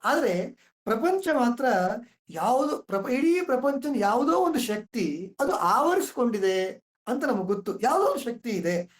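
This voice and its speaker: A woman's voice: fairly high pitch, big pitch swings, unhurried, echoey room. A woman explains classical verse in a conversational way, asking listeners rhetorical questions. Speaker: poetry explainer.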